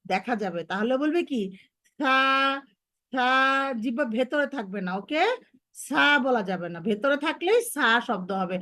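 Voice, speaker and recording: A woman's voice: on the high side, animated, normal speed, a bit bright, no room sound, clean studio sound. A woman with a Bangladeshi Bengali accent teaching Arabic letter sounds to children in an online lesson, patiently modeling each sound.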